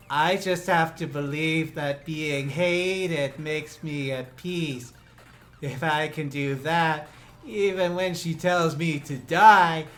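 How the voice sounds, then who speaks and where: A streamer putting on a sad, eerily calm child. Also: mid-range voice, voice pushed up, lightly acted. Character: sad child who feels hated by mother. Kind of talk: reading a diary entry aloud in character.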